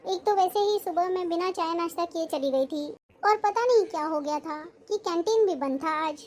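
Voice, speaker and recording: A woman's voice: very high-pitched, normal speed, darkish tone. A woman voicing an arrogant, scornful young daughter-in-law in a cartoon-style family drama, always complaining and snapping back. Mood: irritated. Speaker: schoolteacher character.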